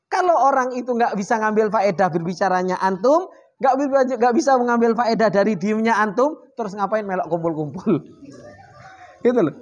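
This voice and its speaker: A man teaching an Islamic study circle in a casual, lively way. He asks the audience rhetorical questions and reads Arabic phrases before explaining them. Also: sits high, normal speed. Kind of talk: casual religious study talk.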